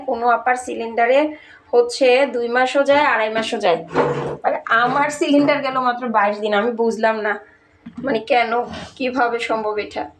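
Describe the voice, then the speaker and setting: বাংলাদেশি বাংলা টানে কথা বলা ত্রিশের কোঠার এক নারী, যিনি বাড়ির রান্নাঘরে রান্না করতে করতে ধীরেসুস্থে গল্প বলেন।. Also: female voice, on the high side. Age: 30s. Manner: chatty, unhurried storytelling. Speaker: home cooking vlogger. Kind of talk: casual chat while cooking. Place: home kitchen. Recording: echoey kitchen, distant mic, background noise.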